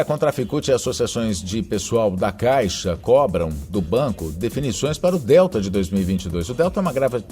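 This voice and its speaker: A man's voice: fairly low pitch, mellow. A man from Brazil hosting a weekly news roundup podcast, reading in a conversational way with asides and self-corrections.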